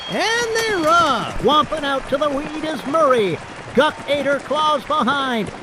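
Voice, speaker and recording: An old racetrack announcer slurring like the town drunk. His high voice swoops through the race call with mushy, toothless words. It is a dramatized track commentary with some background noise. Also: exaggerated voice. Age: older. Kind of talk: horse race commentary over PA.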